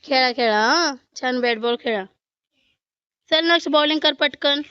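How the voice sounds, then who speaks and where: A woman's voice: sits high, unhurried, no room sound, muffled recording. A woman acting as the older sister-in-law in a family skit, coaxing and questioning, then urging the children to run.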